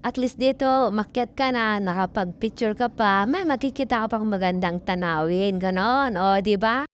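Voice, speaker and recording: This vlogger speaks in a mid-range voice at a moderate pace, bubbly and playful as she addresses viewers as friends during a mountain-peak hike filmed on a handheld phone. The highs are cut off, and there's a little hiss or hum.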